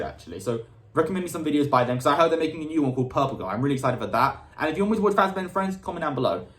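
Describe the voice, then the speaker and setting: A British man from the United Kingdom chats casually and cheerfully while answering fan questions, reading each one out loud and frequently restarting his sentences. His voice is medium-pitched, and the room sounds echoey.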